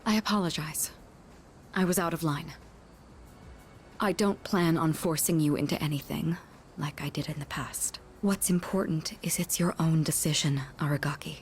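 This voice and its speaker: A female voice actor plays an earnest high school student council president in a video game. She speaks formally and carefully in an apologetic tone, and a faint hiss or hum runs underneath.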